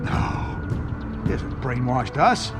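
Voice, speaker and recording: An actor playing an earnest, misguided police officer in a video game, self-justifying and unsure of himself. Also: male voice, mid-range voice, big pitch swings, drawn-out words, over music. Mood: earnest, defensive.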